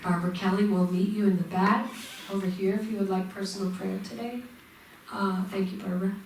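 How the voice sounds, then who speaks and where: A woman leading a church service, reading announcements in a friendly, halting way with fillers. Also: medium pitch, steady tone, vocal fry, darkish tone, slight background noise. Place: church sanctuary. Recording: echoey hall mic from far off.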